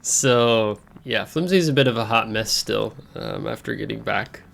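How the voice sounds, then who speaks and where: A man's voice: on the low side, unhurried, vocal fry, fairly bright tone, slight background noise. A man hosting a casual game overview, talking in a chatty, rambling way with fillers and self-corrections, his voice a bit congested from air travel. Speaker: gaming channel host.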